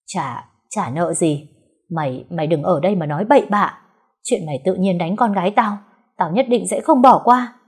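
A woman voicing a domineering middle-aged stepmother who scolds loudly in an audio story. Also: fairly low pitch, moderate pace, slightly rough. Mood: scolding. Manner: loud, scolding.

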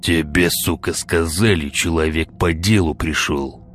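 A man voicing a hoarse, scarred, one-eyed male thug in an audiobook, coarse and swearing. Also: extremely low pitch, steady tone, fairly bright tone, faint music behind. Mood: rough. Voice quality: hoarse, barely human rasp. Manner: coarse, swearing, slow and heavy. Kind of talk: audiobook character voice.

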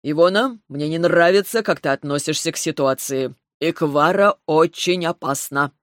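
A woman voicing a stern, commanding male dragon who scolds gruffly in an audiobook. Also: sits low, moderate pace, dry recording, clean studio sound, lightly acted.

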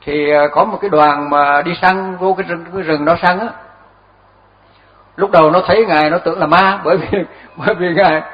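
Older monk giving a chuckling dharma talk. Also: male voice, a little high, brisk. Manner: relaxed storytelling with chuckles and repeated words. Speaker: Buddhist monk teacher. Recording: dull lo-fi recording.

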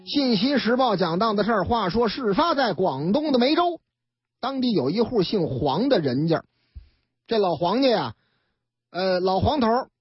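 A man's voice: high-pitched, slightly rough, dry recording. A man with a Beijing accent telling a crime story on the radio in a chatty way, acting out the characters. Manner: chatty, acts out every character. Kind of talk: colloquial crime story narration. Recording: dull lo-fi radio broadcast, dry.

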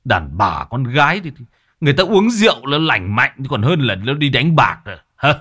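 Guy doing a grumpy village chief, bossy and crude, bright sharp voice, swings up and down. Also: mid-range voice, sing-song, normal speed, pitched above the performer's own voice, exaggerated voice. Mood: irritable scolding. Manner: gruff, irritable, blunt scolding. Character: gruff middle-aged village chief, irritable and crude.

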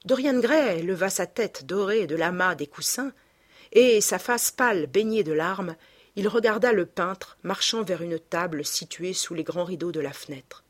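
Woman narrator for a classic audiobook, breathy, measured, hushed delivery. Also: on the low side. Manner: measured, dropping to a hush. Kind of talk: scripted narration.

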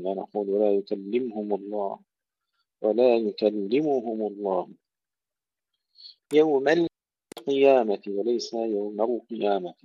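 A man teaching Quran recitation. He recites verses slowly, then explains the pronunciation rules and repeats words to contrast correct and faulty forms. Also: lowish voice, dry recording. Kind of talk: tajweed lesson with recitation. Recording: dull lo-fi recording.

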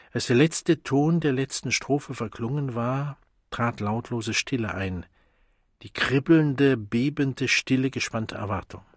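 Husky guy reading an audiobook, slow and dramatic, dry close mic. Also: mid-range voice, dry recording. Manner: dramatic reading with wide swings in loudness. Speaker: audiobook narrator. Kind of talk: scripted narration.

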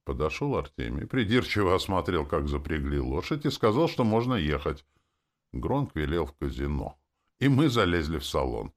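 A man narrating a fantasy audiobook in an expressive, animated reading style. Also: rumbling low, moderate pace.

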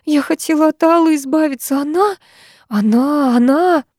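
A woman's voice: sits high, a little mellow, no room sound, studio quality, pitched above the performer's own voice, lightly acted. A woman narrator voicing a distraught young woman who pleads and sobs in frantic outbursts. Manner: rushed, pleading, sobbing outbursts.

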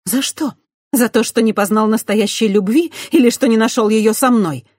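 An audiobook reader voicing a proud, defiant condemned witch woman who speaks in shrill, fierce outbursts. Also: unhurried, mellow, breathy edge, dry recording, clean studio sound. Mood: outraged. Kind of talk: audiobook character voice.

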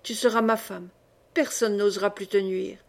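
Woman voicing a soft-spoken young lover. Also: fairly high pitch, moderate pace, lightly acted. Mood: tender. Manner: soft, murmured. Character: tender anxious young man in love. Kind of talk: audiobook character voice.

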